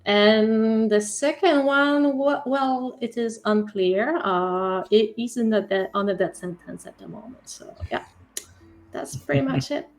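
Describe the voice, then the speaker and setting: A woman, describing her tabletop character in casual chat, halting with frequent uhs and self-corrections. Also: fairly high pitch. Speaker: player. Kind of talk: casual live-stream chat.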